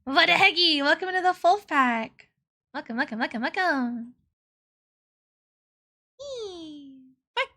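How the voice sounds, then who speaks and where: Cute anime streamer girl, woman w/ high bright voice, playful n excitable, chatting to her stream. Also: takes it slowly, pauses often. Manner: cutesy anime-streamer, playful, with barks and howls; excitable, exclaiming. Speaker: live streamer. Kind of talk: casual livestream chat greeting viewers.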